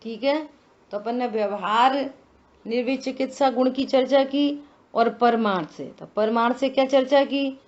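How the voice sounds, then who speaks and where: A woman giving a religious scripture discourse, slow and deliberate, asking many rhetorical questions. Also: a little high, a little mellow, muffled recording. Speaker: scripture teacher.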